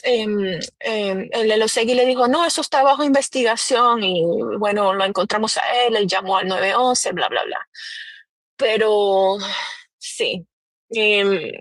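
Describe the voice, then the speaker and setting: A woman recaps events in a casual live audio chat, pausing often and filling gaps with ums and ehs. Her voice sits a little high and the sound is dry. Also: dry recording. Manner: hesitant, many fillers, acts out quoted dialogue. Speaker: guest reporting on a trial.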